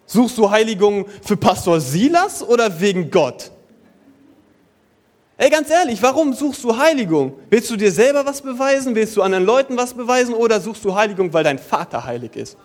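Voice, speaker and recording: A young pastor with a high voice delivers a sermon in a casual, youthful style. He sprinkles in English slang and shifts between energetic bursts and soft, slow stretches.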